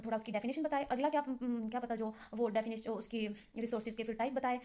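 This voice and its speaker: A fast-talking young woman runs through revision notes like a trainee teacher, her voice sitting a little high. She explains in a loose, chatty way, full of fillers and restarts. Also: fairly even intonation, mellow. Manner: chatty explaining with many fillers, reads English definitions slowly. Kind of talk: casual exam-revision lesson.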